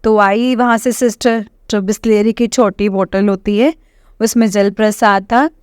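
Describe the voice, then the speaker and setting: Halting middle-aged woman, smooth dry voice. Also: a little high, darkish tone, dry recording. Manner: hesitant, halting, addresses listeners as congregation. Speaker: devotee sharing testimony. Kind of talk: devotional testimony to a congregation.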